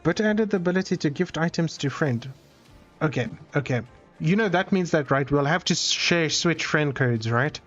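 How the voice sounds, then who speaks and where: A man's voice: on the high side, expressive, normal speed, fairly bright tone, lo-fi sound, faint music behind. A man streaming a game, chatting casually with viewers in a rambling, self-interrupting, playfully dramatic way. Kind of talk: casual live-stream chat while gaming.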